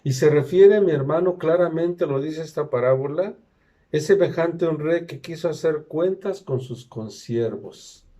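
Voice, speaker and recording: A man's voice: fairly high pitch, a little slow, dark tone. A man preaching a sermon in an earnest, emphatic way, repeating his key phrases. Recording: dull lo-fi recording.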